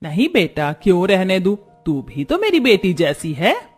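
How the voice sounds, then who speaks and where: A woman's voice: lowish voice, big pitch swings, a little slow, breathy edge, faint music behind, heavily acted. A woman voicing a kind middle-aged mother-in-law in a cartoon story who speaks in a soothing, motherly way. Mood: tender.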